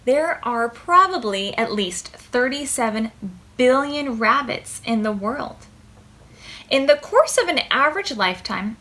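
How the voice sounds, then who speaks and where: Hosting preschool storytime, a woman with a slightly high voice reads a picture book aloud to small children, phrasing it deliberately and expressively.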